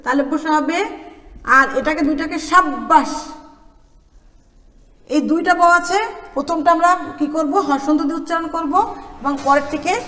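Woman lecturer from Bangladesh, high voice, deliberate question-and-answer teaching, echoey hall sound. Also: steady tone, a bit bright. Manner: slow, emphatic, asks questions then answers them. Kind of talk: classroom pronunciation lesson.

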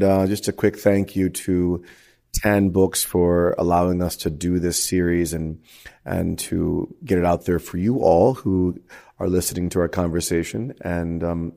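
A man's voice: sits low, gravelly, warm tone. A man who is a priest co-hosting a podcast, talking in an easygoing, teaching way and laughing often. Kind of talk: casual conversational podcast.

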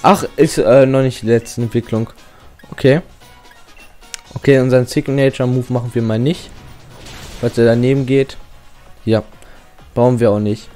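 A man's voice: mid-range voice, steady tone, normal speed, pauses often, dark tone, faint music behind. A young man giving casual, slangy let's-play commentary as a channel host, often reading game text aloud.

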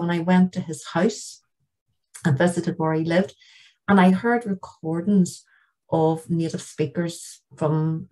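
A woman's voice: sits low, mellow, low-quality recording. A middle-aged woman with a Northern Irish accent giving an earnest, plain-spoken lecture with slides in a church. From Northern Ireland. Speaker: guest lecturer.

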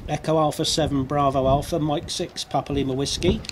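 A British amateur radio operator with a higher-pitched voice speaks a little fast with fairly even intonation, making casual radio contact and giving video commentary outdoors on a seaside rooftop. A video camera near him picks up clear, noisy background sound.

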